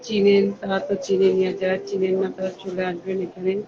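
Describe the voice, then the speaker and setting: A woman's voice: mid-range voice, monotone, a little fast. A woman, chatting directly to viewers on a live stream. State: hoarse. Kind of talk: casual live stream chat. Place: busy restaurant. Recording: lo-fi live stream in a noisy crowded restaurant.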